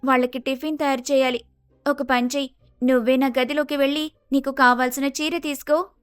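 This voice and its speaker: A woman voicing several family members in a cartoon moral story, with expressive shifts between characters. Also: high-pitched, normal speed, dry recording, studio quality, lightly acted. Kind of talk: Telugu cartoon story voice acting.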